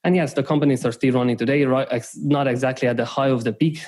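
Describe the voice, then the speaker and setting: Young guy from slovenia rambling thru a podcast interview, lots of "right?", mid pitch. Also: fairly even intonation, quick pace, darkish tone. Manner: rambling, many restarts and "right?" tags. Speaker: podcast guest. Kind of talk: casual interview talk.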